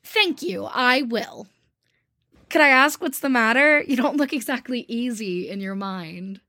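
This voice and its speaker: A woman's voice: a little high, sharp tone, voice pushed up. A woman reading aloud, voicing a frank, spirited young woman who coaxes and scolds a friend. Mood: coaxing. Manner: coaxing, brisk.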